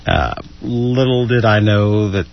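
A man's voice: on the low side, takes it slowly, vocal fry. A man hosting a late-night radio show, bantering casually with co-hosts, laughing often and poking fun at himself. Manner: chatty, laughs often, playful and self-mocking. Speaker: radio host. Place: radio studio. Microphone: studio microphone. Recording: slightly dull radio broadcast audio.

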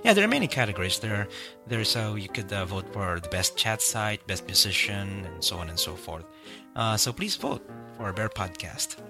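A man's voice: lowish voice, expressive, normal speed, music in the background. A man hosting a podcast, chatting casually and rambling with many fillers and restarts. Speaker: podcast host.

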